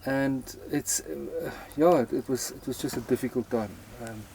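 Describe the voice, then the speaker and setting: Warm-toned interviewer, faint hiss. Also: male voice, medium pitch, moderate pace, creaky, poor audio. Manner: supportive, constant "yeah" backchannels. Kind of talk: casual interview.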